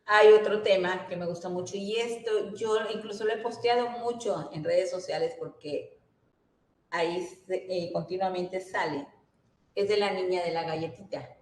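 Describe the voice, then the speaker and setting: A woman's voice: on the low side, normal speed, a little mellow. A woman gives an earnest workshop talk, often checking in with her listeners. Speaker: workshop speaker. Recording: roomy echo.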